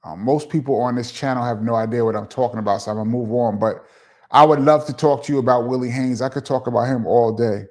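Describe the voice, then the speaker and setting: A middle-aged New York-accented man from Brooklyn talks fast in a mid-range, darkish voice while hosting a live chat show. Laid-back and chatty, he takes viewer questions, frequently laughing and saying um.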